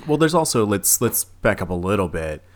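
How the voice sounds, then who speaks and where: Deep-voiced man in casual movie chat. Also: moderate pace. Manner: swears freely, laughs often, animated bursts. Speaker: podcast co-host.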